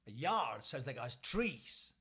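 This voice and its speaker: A man's voice: medium pitch, big pitch swings, a little slow, pushed and bright. A Scottish man, a radio host, telling a story casually on a live stream and checking in with his listeners. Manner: chatty, keeps checking in with listeners.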